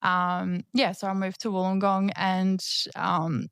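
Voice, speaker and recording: Czech-accented woman, smooth clear voice. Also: mid-range voice, little pitch movement, slow, no room sound, studio quality. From Czech Republic. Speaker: guest, buyer's agent. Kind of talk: casual podcast chat.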